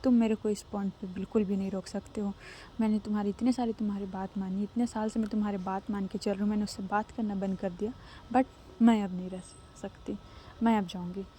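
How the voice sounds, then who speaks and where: A woman's voice: medium pitch, little pitch movement, fairly quick, dark tone, a little hiss or hum, natural voice. A woman voicing an anxious, strong-willed middle-aged mother in a spoken Hindi story. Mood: angry, defiant.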